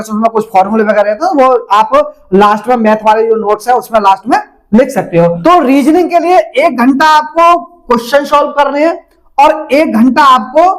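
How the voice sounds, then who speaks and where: A man's voice: very high voice, low-quality recording. A man giving casual exam-preparation advice to viewers, instructive and repetitive, speaking to them directly. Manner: instructive, repeats each step, addresses viewers directly. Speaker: exam-prep adviser.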